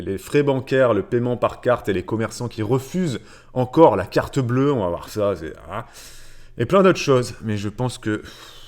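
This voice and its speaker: A man with a lowish, slightly mellow voice hosts a casual personal finance livestream. He greets viewers by name and reads their comments, chatting with lots of fillers and repeated words.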